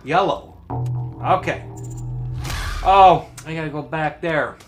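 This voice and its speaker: Excitable man swearing through gameplay. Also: on the high side, slow pace. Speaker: gameplay commentator. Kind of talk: comedic gameplay commentary. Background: game music.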